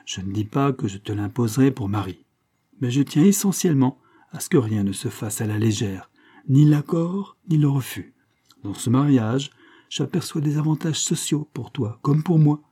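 A male reader voicing a stern middle-aged father who calmly reasons with his daughter about a marriage proposal. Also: mid-range voice, husky. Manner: measured, lecturing, firm. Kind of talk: audiobook character reading.

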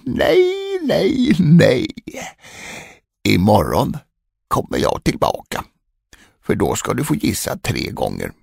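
Brief: male narrator voicing a greedy fairy-tale dwarf, husky and mocking, shrieky taunts. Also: mid-range voice, wildly swooping pitch, pauses often, darkish tone, no room sound, clean studio sound, pitched above the performer's own voice, full character voice. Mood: gleeful. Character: spiteful little male dwarf, gleeful and greedy.

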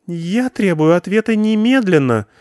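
A man playing a haughty, shrill young woman commander. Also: big pitch swings, darkish tone, no room sound, studio quality. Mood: imperious. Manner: shrill, commanding, drawn-out demands.

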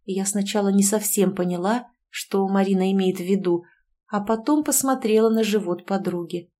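A woman giving gentle first-person narration of a fantasy romance audiobook. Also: medium pitch, steady tone, normal speed.

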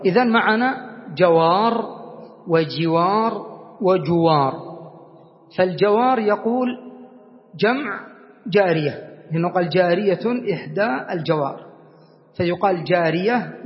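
A man teaching a class as a sheikh, explaining grammar deliberately, repeating key words and quizzing his students. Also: high-pitched. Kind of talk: classroom lesson on Arabic grammar. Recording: dull lo-fi sound with long reverb.

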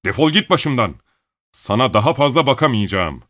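A man voicing a furious, bullying middle-aged father who shouts at his family. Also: medium pitch, sing-song, normal speed, no echo, clean studio sound, voice pushed up. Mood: raging. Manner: shouting, raging.

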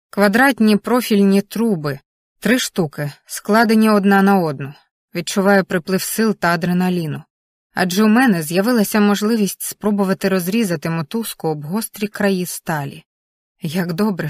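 A woman's voice: mid-range voice, dry recording, studio quality. A woman reading a first-person story aloud as an audiobook narrator, in a tense, vivid present-tense manner.

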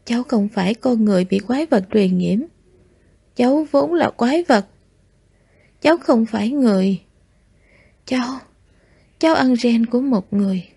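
A woman voicing a gentle young male mushroom monster in human form who is dying, speaking in a weak, breathless near-whisper. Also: on the high side, a little slow, pauses often, husky, no room sound. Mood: weak, tender.

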